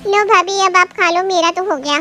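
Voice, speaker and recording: A woman's voice: very high voice, normal speed, bright, forceful tone, pitched above the performer's own voice. A woman voicing a spoiled, cheeky young sister-in-law who talks in a teasing, careless way.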